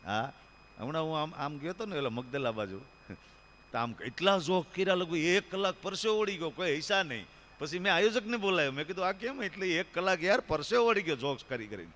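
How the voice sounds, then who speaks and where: A man's voice: a little high, expressive, fairly quick, a bit bright, slight background noise. A man from Kathiawad with a Kathiawadi Gujarati accent, telling chatty comic stories on a live stage and often calling the audience sir. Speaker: stand-up comedian. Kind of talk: live folk stage comedy storytelling.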